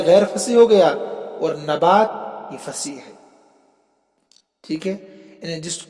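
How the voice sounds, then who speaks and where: High-voiced man lecturing in an echoey room. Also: a little mellow. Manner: explains step by step, often checks understanding with questions. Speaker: religious scholar teaching Arabic rhetoric. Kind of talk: classroom lecture. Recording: echoey room with long reverb, faint music.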